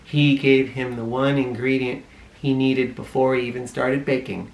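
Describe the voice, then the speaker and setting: A man with a creaky, mid-range voice reads a children's story at a moderate pace, his delivery flat in tone yet expressive and dramatically emphatic, aimed straight at young listeners. The room sounds spacious and echoing, with a somewhat distant microphone.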